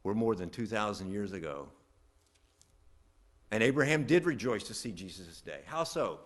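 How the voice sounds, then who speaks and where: A man's voice: lowish voice, animated, moderate pace. Emphatic middle-aged man preaching. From West Virginia. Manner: emphatic preaching, swells louder on key lines. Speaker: pastor. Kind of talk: sermon.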